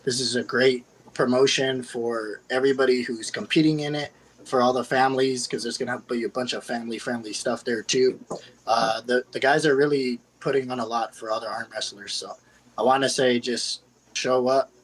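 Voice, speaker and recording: A man's voice: medium pitch, fairly even intonation, normal speed, husky, rough recording. A man appearing as a guest in a casual podcast chat, easygoing and slangy. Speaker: guest arm wrestler.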